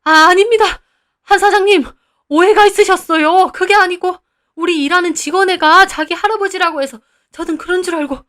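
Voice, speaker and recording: A rude male cafe owner, put on by a woman storyteller, pitched very high and loud. He snaps at people below him and fawns over those above him. It is a storybook reading. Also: animated, normal speed. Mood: grovelling. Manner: shrill, loud and snippy, turning to grovelling.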